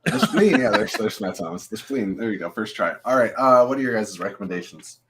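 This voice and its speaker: A man with a very deep, low voice co-hosts a casual podcast. He rambles easily and loosely, dropping plenty of filler uhs as he goes. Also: fast, heavy background noise. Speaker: co-host.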